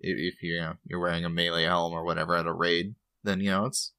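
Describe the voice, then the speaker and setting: A man co-hosting a casual gaming podcast, talking in a halting way with many pauses and restarts. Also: low-pitched, flat delivery, gravelly, sharp tone, clear, resonant tone, no room sound, clean studio sound. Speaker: podcast co-host.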